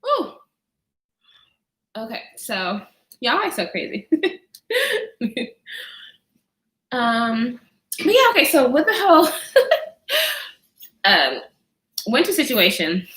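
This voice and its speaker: Sassy woman vlogger, animated delivery, blunt takes, roomy echo. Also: fairly high pitch, takes it slowly, long pauses. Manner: blunt, sassy, laughs often. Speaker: vlogger reacting to viewer comments. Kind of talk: casual chatty commentary.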